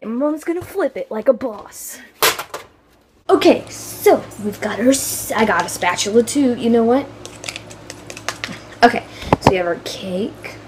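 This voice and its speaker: Hosting a cooking demonstration in her kitchen, a young woman vlogger teases, giggles and goofs around in a chatty way. Her high-leaning, expressive voice moves at a measured pace with frequent pauses, picked up from a distance, off mic, in an echoey, noisy room.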